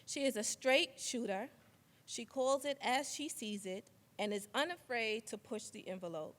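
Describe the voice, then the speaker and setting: Female event host, slightly high voice, formal intro manner, long hall reverb. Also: normal speed, a bit bright. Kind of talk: presenting at an assembly.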